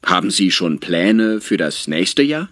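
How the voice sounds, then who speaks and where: A low-voiced male interviewer asks friendly questions with a lot of pitch movement, as an actor plays him. He delivers his lines as a scripted exam dialogue. The sound is dry and close. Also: big pitch swings, measured pace, fairly bright tone, dry recording, heavily acted. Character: adult male radio-style interviewer. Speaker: interviewer in a language exam recording.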